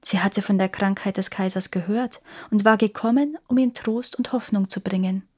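A woman reading a fairy tale aloud as a storyteller, expressive and sinking into hushed tones at quiet moments. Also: medium pitch, moderate pace.

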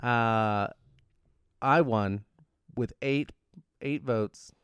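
A man's voice: mid-range voice, very slow, fairly bright tone, smooth, no room sound. A man hosting a casual, jokey group chat, often laughing as he talks. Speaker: podcast host. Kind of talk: casual comedic group banter.

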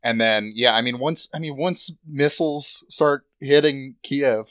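A man's voice: mid-range voice, a little slow, a bit bright, clean tone, dry recording, clean studio sound. A man hosting a casual political podcast, speaking hesitantly with many fillers. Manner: hesitant, filler-heavy, laughs easily. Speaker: podcast host.

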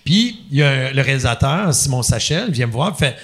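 A man with a Québécois French accent, telling a story as a podcast guest, lively and laughing often. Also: mid-range voice, fairly quick. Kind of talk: animated storytelling.

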